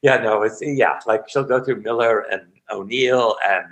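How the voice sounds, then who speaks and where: A man's voice: lowish voice, moderate pace, rough recording. An older man, an acting coach, telling stories in an interview and acting out the people he describes. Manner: animated storyteller who acts out the people he describes. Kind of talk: storytelling interview.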